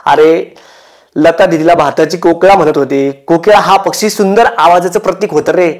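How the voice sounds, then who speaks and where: A man's voice: a little high, moderate pace. A man hosting a comic roast, teasing and mocking the people in the clips he reacts to. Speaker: roast host.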